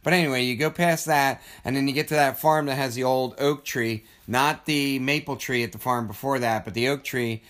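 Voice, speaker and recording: A man's voice: mid-range voice, fairly even intonation, moderate pace, few pauses, fairly bright tone. A man co-hosting a casual podcast with his wife, playfully defensive and fond of giving very detailed, rambling explanations. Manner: long-winded, playfully defensive, loves detail. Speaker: podcast co-host. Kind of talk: casual banter between spouses. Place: small studio.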